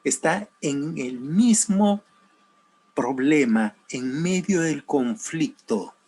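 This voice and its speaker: Brief: male preacher, slow deliberate sermon story, higher-pitched, dramatic volume shifts. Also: lively intonation. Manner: slow, dramatic swings between loud and hushed. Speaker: pastor.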